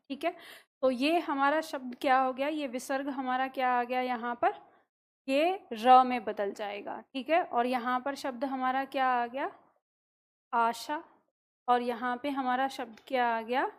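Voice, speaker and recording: A woman with a high-pitched voice teaches a grammar lesson in a classroom. She works through examples patiently, posing a question and then answering it herself. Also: unhurried.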